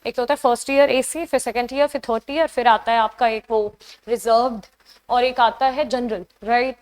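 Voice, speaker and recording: A young woman with an Indian accent and a high, light voice teaches an online exam-prep English class. She explains word pairs in a mix of Hindi and English and reads each test sentence slowly and carefully. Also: steady tone, clear, resonant tone.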